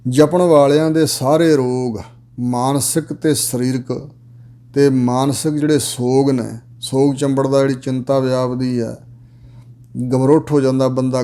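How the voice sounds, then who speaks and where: A man expounding scripture, chanting each verse slowly and then explaining it word by word. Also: medium pitch, warm tone. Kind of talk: religious exposition.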